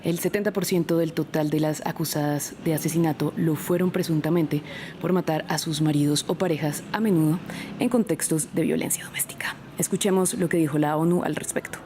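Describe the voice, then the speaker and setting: A woman presenting a news program, interviewing a guest and reading the stories in a steady, measured way. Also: deep voice, noisy background.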